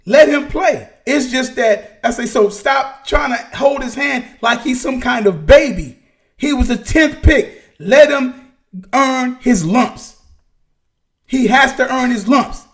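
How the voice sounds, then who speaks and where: A man with a fairly high voice hosts a loose sports talk show. He rants in an animated way, restarting his words and using folksy slang. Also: takes it slowly. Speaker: podcast host. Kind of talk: casual sports rant.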